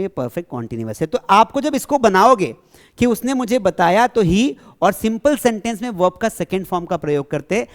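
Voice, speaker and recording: A man teaching an English grammar lesson to a class. He keeps checking that the students follow, and he asks questions and then answers them himself. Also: high-pitched. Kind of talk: classroom lesson explaining tenses.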